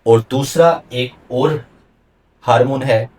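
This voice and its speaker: A man's voice: medium pitch, darkish tone. A male religious scholar giving a classroom lecture, putting questions to his listeners and mixing English terms into his explanations. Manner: quizzes the audience with questions and mixes in English terms.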